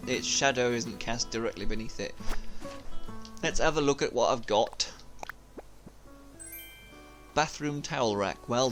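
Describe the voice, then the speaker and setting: Give me a chatty young man doing relaxed game commentary, with a lively voice. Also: mid-range voice. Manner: chatty, self-mocking, many restarts. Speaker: gaming video host.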